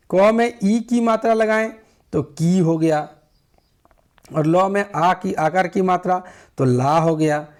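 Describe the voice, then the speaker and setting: Male teacher, higher voice, unhurried delivery, patient explaining tone, quizzing his students. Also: a little mellow. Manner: slow, explanatory, asks the class questions. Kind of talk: Hindi grammar lesson.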